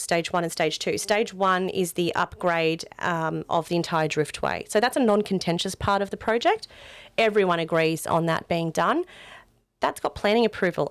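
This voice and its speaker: Hoarse woman candidate. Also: lowish voice, no room sound. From Australia. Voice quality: croaky. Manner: earnest, campaign-style, with many fillers. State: hoarse, losing her voice. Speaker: political candidate. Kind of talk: interview answers.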